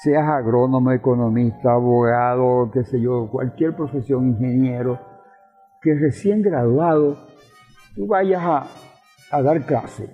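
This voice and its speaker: An older Venezuelan-accented man, a professor and politician, explains things and reminisces as a guest in a conversational interview. His medium-pitched voice is slightly slow with a breathy edge, and he's emphatic, tending to repeat himself. The recording sounds thin and phone-like, with roomy reverb and faint music.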